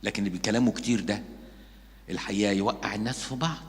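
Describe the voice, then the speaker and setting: A man's voice: on the low side, racing, long reverb tail, slight background noise. A man, a Coptic priest with an Egyptian Arabic accent, preaching a sermon and acting out the people in his stories. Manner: lively storytelling, acting out gossips and mockers.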